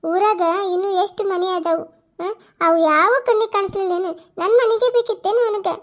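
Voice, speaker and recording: A wailing older village woman from a cartoon, played by a woman, shrill voice, complaining lament. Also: fairly even intonation, a little fast.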